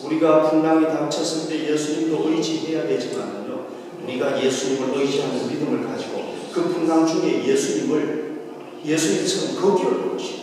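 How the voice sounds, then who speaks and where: A man's voice: a little high, fairly quick, crowd noise. A male pastor giving an emphatic sermon in a church hall and putting questions to the congregation. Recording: echoey hall from far off.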